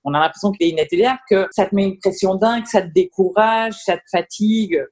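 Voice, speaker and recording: A Belgian woman who founded a business chats enthusiastically as a guest in a casual podcast interview. She talks fast in a mid-range voice, lively and eager, working through her ideas with plenty of fillers.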